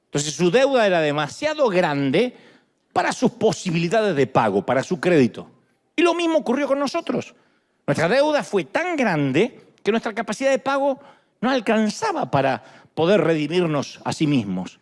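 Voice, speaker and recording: Middle-aged Argentine pastor, high-pitched and lively, preaching with humor. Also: male voice. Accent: Argentine Spanish. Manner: animated, joking preacher with playful asides. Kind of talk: sermon.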